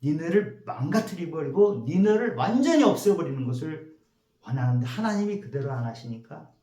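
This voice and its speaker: A male pastor preaching a sermon in a church, telling the story in an animated way and acting out the quotes. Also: a little high, roomy sound. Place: church sanctuary.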